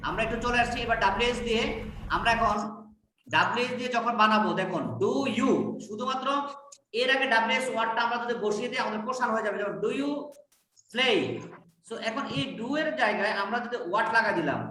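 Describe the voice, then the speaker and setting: A man's voice: extremely high pitch, quick pace, bright, forceful tone. A man with a Bengali accent teaching a spoken English class over a video call, patiently repeating and modeling sentences. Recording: echoey, distant, lightly noisy call audio.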